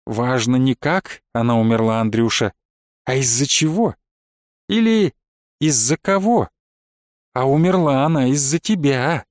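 A man's voice: mid-range voice, animated, unhurried, dry recording, clean studio sound, lightly acted. A man voicing a dead witch stepmother in her forties, coquettish and cruel, with a singsong, purring, taunting voice. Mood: sweet, mocking.

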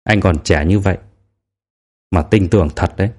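Guy doing a low-voiced veteran cop in an audiobook, middle-aged, calm and probing. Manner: measured, quietly probing. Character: veteran male police detective, probing yet tolerant. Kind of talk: audiobook character reading.

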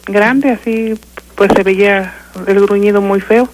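An older woman with a Mexican accent, calling in to a radio show and haltingly telling a ghost story, full of fillers and restarts. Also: mid-range voice, steady tone, low-quality recording. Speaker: caller.

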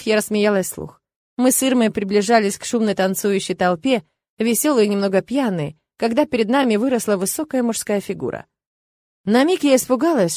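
Woman audiobook narrator, mid-pitched, ironic first-person reading, dead-dry recording. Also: no echo. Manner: lively, ironic storytelling.

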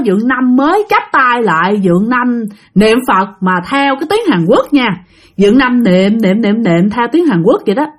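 A woman storyteller recounts a ghost story, speaking straight to her listeners and acting out knocking sounds. Her voice sits a bit high and moves in lively swings. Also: husky. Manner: animated, addresses listeners directly, imitates knocking sounds.

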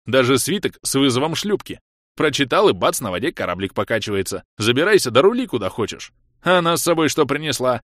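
A man voicing a rough, brash young male friend who talks in blunt slang, in an audiobook reading. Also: medium pitch, a bit bright, dry recording, clean studio sound, voice pushed up. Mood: boastful.

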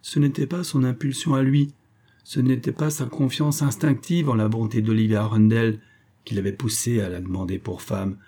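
A man reading a classic novel aloud as audiobook narration, in a measured storytelling manner. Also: medium pitch, steady tone, warm tone. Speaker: audiobook reader.

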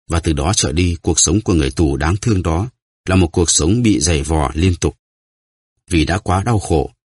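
Deep husky male audiobook narrator. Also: no room sound, studio quality. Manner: steady storytelling.

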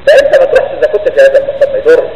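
A religious teacher with an Egyptian Arabic accent speaks rapid-fire in a mellow, high-leaning male voice whose pitch swoops wildly. He gives a colloquial lesson, conversationally asking over and over whether people understood. The poor recording is reverberant, as if in a large hall, with slight background noise.

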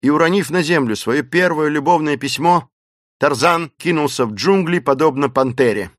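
A man's voice: a little high, moderate pace, a bit bright, dry recording. Male storyteller with a dry, close sound. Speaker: audiobook narrator. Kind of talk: dramatic storybook narration.

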